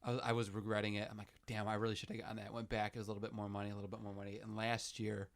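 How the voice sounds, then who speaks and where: A man's voice: on the low side, completely flat delivery, racing, vocal fry. A man co-hosting a casual podcast chat, telling stories in an easygoing way. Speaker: podcast co-host.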